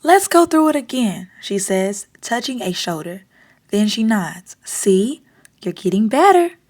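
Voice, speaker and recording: A woman hosts a storytime, reading a children's picture book aloud with expressive, deliberate delivery. Her voice has a medium pitch.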